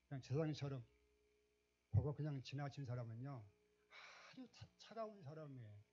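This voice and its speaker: A man preaching a sermon as a pastor, telling a story and rising to loud, emphatic exclamations. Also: medium pitch, sing-song, normal speed, a little hiss or hum. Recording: dull, muffled recording.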